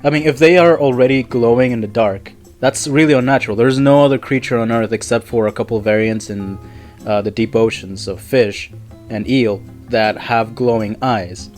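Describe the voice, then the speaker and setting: A man's voice: medium pitch, normal speed. Chatty man with faint music behind. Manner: animated, laughs often, trails off mid-sentence. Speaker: podcast co-host. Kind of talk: casual chat.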